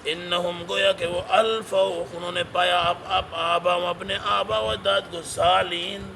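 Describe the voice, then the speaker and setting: A man with a high-pitched voice reciting verses in a measured chant, then breaking each phrase down and quizzing his class as he goes. Traffic and street noise hum clearly behind him. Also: level tone, pushed and bright. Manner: recites Arabic verses, then explains them line by line with teacher's questions. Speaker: Quran teacher. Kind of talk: Quran translation lesson. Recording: noisy recording with traffic behind.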